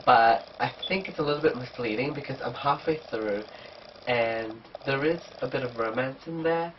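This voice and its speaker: This book vlogger, nasal and congested from a cold, chats informally at a normal speed with a medium-pitched voice. The background is noisy, and the camera mic is distant and dull.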